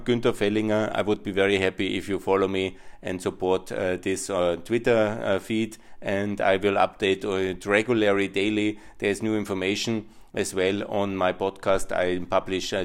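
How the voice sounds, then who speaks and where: A middle-aged Austrian man hosts his own podcast in accented, non-native English. His voice is low and smooth, with a clear resonance. He speaks earnestly but haltingly, pausing on many filler sounds. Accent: Austrian German. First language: German. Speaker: podcast host. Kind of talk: monologue on policy.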